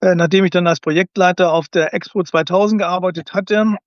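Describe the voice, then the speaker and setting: A special-needs educator who grew up in Germany appears as a guest in a conversational podcast interview, explaining at length with frequent hesitations. His voice sits high, steady in tone and a little fast. The sound is dry and slightly dull, without echo.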